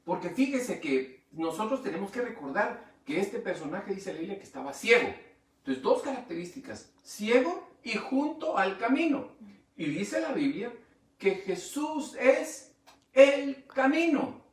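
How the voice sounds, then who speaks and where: A man pastor preaching a sermon, swinging from quiet asides to loud emphatic rises. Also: sits high, big pitch swings, moderate pace, reverberant, far from the mic. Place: church.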